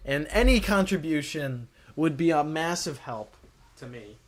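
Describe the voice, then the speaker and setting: A man's voice: on the high side, expressive, measured pace. A man hosting a live stream, chatting casually and straight to his viewers, rambling and often correcting himself mid-sentence. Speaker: livestream host.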